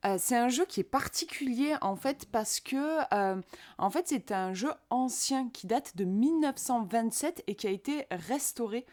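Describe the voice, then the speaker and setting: A woman's voice: fairly high pitch, lively intonation, a little slow, darkish tone. A young woman giving a casual review of a tarot deck, hesitant and full of fillers and restarts.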